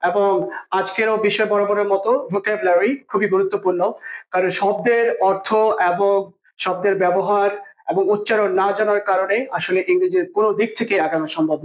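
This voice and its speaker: A teacher giving a vocabulary lesson at a board, slowly repeating example words and sentences for the class to follow. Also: mid-range voice, poor audio. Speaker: English teacher.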